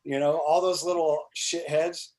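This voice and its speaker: The audio is poor as a forties-aged congressional candidate guest chats over a video call webcam in a small indoor room against a plain wall. He talks a little slowly in a fairly high, level, slightly mellow voice, rambling with frequent restarts, fillers and casual swearing.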